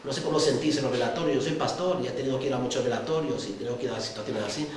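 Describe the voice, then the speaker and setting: A man's voice: medium pitch, rapid-fire. A male pastor with a Spain Spanish accent giving a sermon in a conversational way, often ending phrases with tag questions. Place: church hall. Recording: echoey church hall, distant mic, faint noise.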